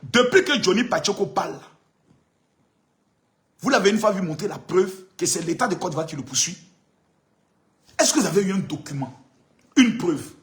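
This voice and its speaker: A man ranting and mocking someone on a live stream, with sing-song taunts and loud shouted calls. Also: sits high, animated, moderate pace, pauses often.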